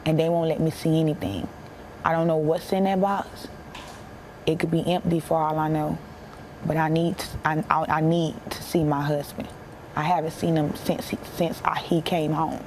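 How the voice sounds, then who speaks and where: In a rough recording with some background noise, a young American military widow speaks as a broadcast interviewee about her loss. Her voice is low, level and darkish with little pitch movement, and her emotional account comes out plain, halting and emphatically repetitive.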